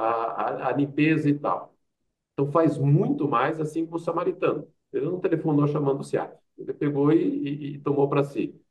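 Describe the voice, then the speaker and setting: The voice is a man's, mid-range and somewhat dark in tone, recorded from afar, with a Brazilian accent. He's a doctor and public health expert guesting on an interview, recounting anecdotes and driving points home with rhetorical questions and quoted remarks.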